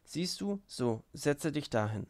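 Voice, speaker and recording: A man's voice: fairly high pitch, sing-song, slow, darkish tone. Gruschenka, a volatile young woman, read by a man. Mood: passionate.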